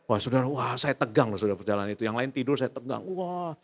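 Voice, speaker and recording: Indonesian pastor storytelling in a reverberant hall. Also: male voice, fast talker. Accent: Indonesian, casual Jakarta slang. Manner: storytelling, acts out voices in quotes, animated swings up and down in pitch. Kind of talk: sermon. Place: church hall.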